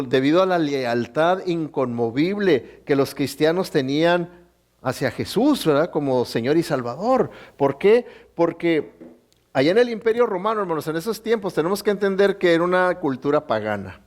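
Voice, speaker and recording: A man's voice: on the high side, lively intonation, normal speed, a little mellow. Man preaching with checking-in questions. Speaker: pastor. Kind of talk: sermon.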